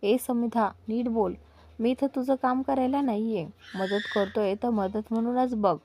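A woman's voice: a little high, a little slow, a little mellow. A woman doing an irritable young man. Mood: irritated.

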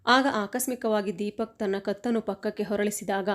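A woman narrating a first-person moral story in a steady, even reading voice. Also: mid-range voice, normal speed.

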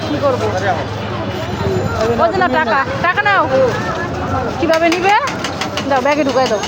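A woman's voice: sits high, lively intonation, moderate pace. A woman filming a casual family vlog, chatting with children and playfully scolding them outdoors by a street. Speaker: vlogger filming her children. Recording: noisy street with crowd.

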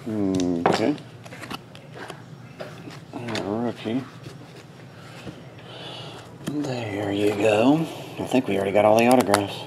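Speaking slowly and with long pauses, this lowish-voiced man runs a card break from a small desk indoors. He gives terse, offhand live commentary as he goes through the packs, against a noisy background.

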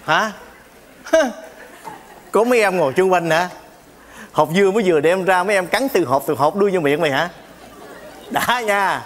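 A man's voice: high-pitched, expressive, normal speed, pauses often, a bit bright, a faint crowd, a little hiss or hum. An exasperated, teasing man. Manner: exclaims often, teasing banter. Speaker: stage comedy actor. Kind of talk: stage sketch comedy.

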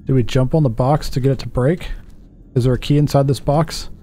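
A gaming YouTuber in his thirties does casual let's play commentary from a home setup, thinking aloud and quizzing himself as he plays. His mid-range voice is mellow and a little quick, with fairly even intonation. Soft music plays in the background.

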